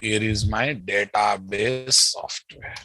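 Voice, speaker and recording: Dictating notes during a live technical lecture, this software instructor, whose English carries a Telugu Indian accent, repeats phrases and checks understanding with questions. He speaks slowly with fairly low pitch and fairly even intonation, sounding pushed and bright in echo-free audio.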